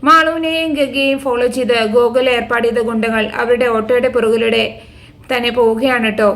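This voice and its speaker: A woman's voice: fairly high pitch, fairly even intonation, brisk, fairly bright tone. A woman hosting a casual episode recap, chatty and friendly. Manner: chatty, ends lines with a friendly tag. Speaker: serial recap host.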